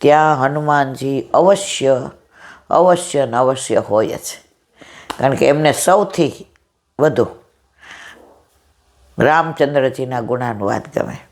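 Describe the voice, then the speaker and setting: A middle-aged woman with a loud, powerful voice, giving a devotional storytelling discourse and acting out the dialogue in her stories. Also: a bass voice, slow, long pauses. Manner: retells stories with quoted dialogue. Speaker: satsang speaker.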